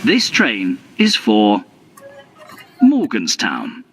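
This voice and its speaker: A man's automated onboard train announcement, slow and measured. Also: on the low side, wildly swooping pitch, a bit bright, a little hiss or hum.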